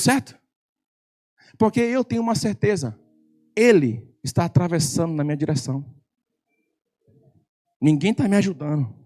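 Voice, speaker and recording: Brazilian pastor guy preaching, pretty high voice, animated and jokey, gets loud a lot. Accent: Brazilian Portuguese. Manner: animated, teasing, often loud and raised. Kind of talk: sermon with storytelling. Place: church service.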